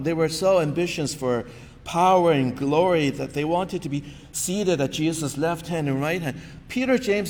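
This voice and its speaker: A man preaching a sermon in an earnest, conversational way, often asking rhetorical questions. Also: darkish tone. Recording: long reverb of a large hall, faint rumble.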